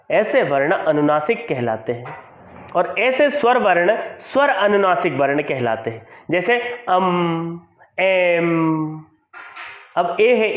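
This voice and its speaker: A man teaching a grammar lesson to students, explaining step by step, asking questions and then answering them himself. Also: high voice. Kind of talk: classroom-style grammar lesson. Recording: echoey, phone-like audio.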